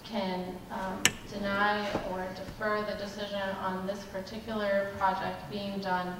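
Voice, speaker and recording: Flat-voiced woman, echoey hearing room. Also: medium pitch. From Southern Maryland. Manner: measured, halting with many ums. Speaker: public commenter at a hearing. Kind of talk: public comment at a hearing. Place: large public meeting room. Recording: echoey hall from a distance, background noise.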